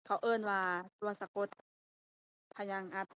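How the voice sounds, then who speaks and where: A young woman with a Lao accent teaching a grammar lesson to a class, explaining step by step and checking in with her students. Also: moderate pace.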